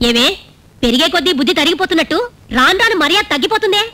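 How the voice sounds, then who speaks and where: A woman's voice: very high voice, animated, very fast, bright, forceful tone, heavily acted. A woman playing a gullible, doting widowed mother in a comic film, talking in a melodramatic, fussing way. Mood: scolding. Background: film score music.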